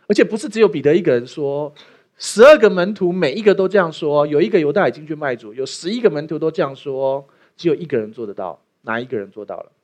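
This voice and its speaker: A man's voice: on the high side, animated, fast talker, darkish tone. A man preaching a sermon as pastor, opening with a prayer and joking with the congregation. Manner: playful, jokey preaching with acted asides.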